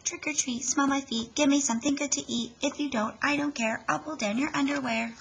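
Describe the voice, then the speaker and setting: A woman voicing an eager, mischievous young boy frog in a storybook, with exclaiming, drawn-out playful delivery. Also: sits high, steady tone, vocal fry, fairly bright tone, voice pushed up. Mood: singsong chanting.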